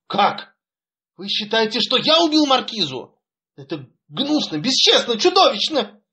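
Scared young man under accusation, pleading, voice pitched well up; male reader doing him. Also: very animated, normal speed, a bit bright. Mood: indignant. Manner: pleading, rising to high indignant outcries. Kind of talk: audiobook character reading.

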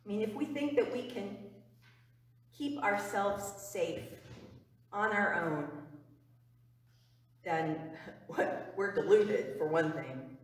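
A middle-aged woman pastor giving a sermon in a church sanctuary, earnest and emphatic, dropping to a hush on key phrases. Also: medium pitch, takes it slowly, pauses often. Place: church sanctuary before the altar. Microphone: far camera. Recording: roomy church reverb, far from mic.

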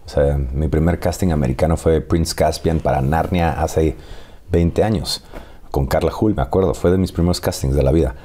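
A Mexican man in his thirties, an actor telling animated stories and laughing often in a casual interview. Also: extremely low pitch, normal speed, breathy edge. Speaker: actor guest.

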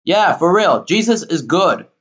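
A man hosting his own channel, delivering an indignant, rambling rant full of fillers and halting restarts, with sudden outbursts. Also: high voice, animated, fairly bright tone. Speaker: channel host. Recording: dull lo-fi recording.

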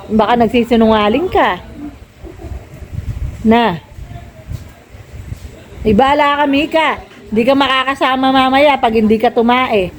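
Older woman vlogger, nagging and rambling, highish voice, faint hiss behind. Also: low-quality recording. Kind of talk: casual family vlog, scolding.

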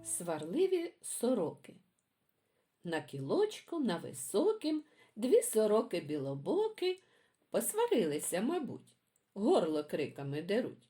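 Бібліотекарка виразно читає дитячі віршики та розповідає про авторку. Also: female voice, medium pitch, measured pace, faint music behind. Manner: expressive, storytelling. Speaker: librarian. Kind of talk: reading children's poems aloud.

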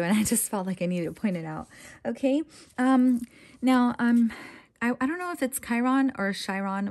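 A young woman reads tarot cards in a casual, chatty way, talking straight to her viewers. She keeps things reassuring and loose, with plenty of fillers along the way. Her voice is warm and mellow at an ordinary middle pitch. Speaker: tarot reader. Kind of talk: casual tarot reading to camera.

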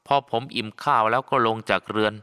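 A man narrating a ghost-story audiobook in the first person with a steady storytelling manner. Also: on the low side, fast, clean tone. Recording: long reverb.

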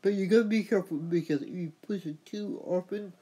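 A middle-aged man with a husky voice hosting a gameplay demonstration, explaining simply and deliberately. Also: sits high, dark tone. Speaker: host showing a mobile game.

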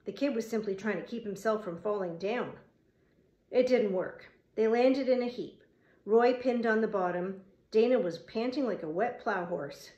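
A woman's voice: fairly high pitch, normal speed, warm tone, lo-fi sound. Woman narrating a novel in a roomy echo. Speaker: audiobook narrator.

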